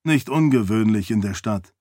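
A wry, guarded big man of few words, his voice sitting a touch lower than the narration around him, as a male narrator puts him on. He answers tersely and dryly, in a storybook reading recorded in a dead, dry booth. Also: lively intonation, moderate pace, mellow, no room sound.

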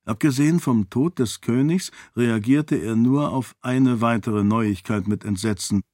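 A man narrating an audiobook in a steady, measured way. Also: medium pitch, dry recording, clean studio sound. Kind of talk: scripted narration.

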